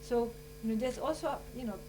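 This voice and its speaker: Speaking briskly in a fairly high voice, a woman from Chile wraps up a conference with earnest, meandering closing remarks. This scientist leans heavily on fillers like "you know" and "like." The conference room recording comes from a faraway mic with a noticeable hum.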